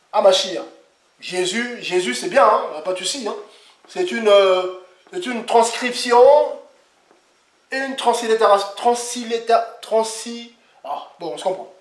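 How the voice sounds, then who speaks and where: A man giving an informal, rambling sermon, repeating himself with animated asides. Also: sits high, reverberant. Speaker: preacher.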